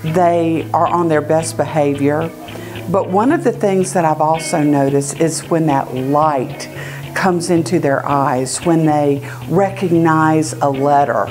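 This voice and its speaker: A woman's voice: deep voice, mellow. An older woman of great-grandmother age speaking as a volunteer in a conversational, personal testimonial style. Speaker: volunteer reader speaking about a community reading program. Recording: music bed under the voice.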